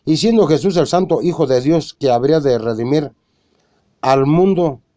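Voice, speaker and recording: Mellow-voiced man reading scripture arguments. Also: on the high side, dry recording. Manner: measured, quoting scripture with verse numbers. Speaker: religious lecturer. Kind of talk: reading a religious argument aloud.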